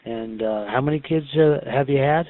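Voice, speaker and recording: A man conducting a casual interview, asking halting, hesitant questions with many pauses. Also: medium pitch. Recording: tinny phone-like band, roomy echo.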